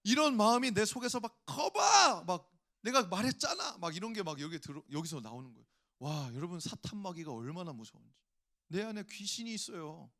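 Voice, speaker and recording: A man's voice: on the high side, sing-song, fairly quick, fairly bright tone. A male pastor preaching a sermon, telling a personal story and acting out inner voices before rising to emphatic appeals.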